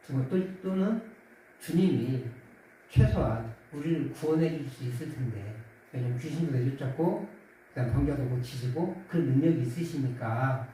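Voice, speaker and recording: A pastor, a man, preaches in a casual, chatty way, and his voice sounds mellow and warm. His pitch swings widely, and he raises it when he acts out the quoted voices. He sounds far from the mic in a very echoey church hall. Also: slight background noise. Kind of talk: sermon. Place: church sanctuary.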